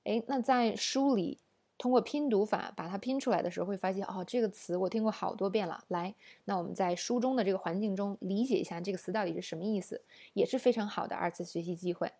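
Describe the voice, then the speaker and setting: Female English teacher, warm low-key timbre, chatty explanatory lecture style. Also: fast talker, breathy edge. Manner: explanatory, uses many fillers and rhetorical questions. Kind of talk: online lesson lecture.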